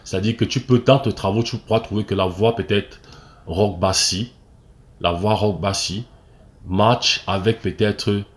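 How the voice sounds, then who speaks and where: An acting coach with a Cameroonian French accent explains things step by step in a screen-recorded tutorial. His fairly low voice is steady and unhurried, full of fillers, restarts, and frequent "ok?" checks.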